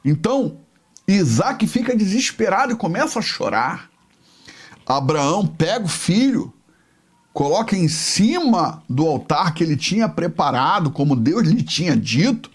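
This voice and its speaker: Male bishop, storytelling sermon, high lively voice, unhurried. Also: husky. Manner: emotional, slow, dwelling on each phrase.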